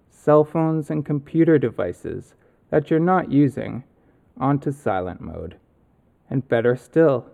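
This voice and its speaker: A man narrating a guided relaxation session in a calm, soothing manner with long pauses. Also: mid-range voice, gravelly. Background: calming guitar music.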